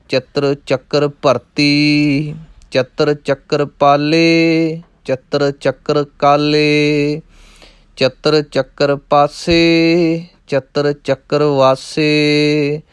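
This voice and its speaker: A man teaching scripture recitation, chanting each verse in a measured way and stopping to explain pronunciation. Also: on the high side, clean tone, dry recording, studio quality. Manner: measured chanting of verses, then quick spoken corrections. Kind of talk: slow line-by-line recitation lesson with pronunciation notes.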